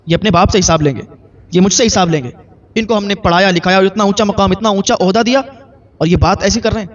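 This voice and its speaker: A man telling a moral story in a sermon, acting out the characters' lines with rising indignation. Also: high voice. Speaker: preacher. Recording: distant, dull clip replayed in a reaction video.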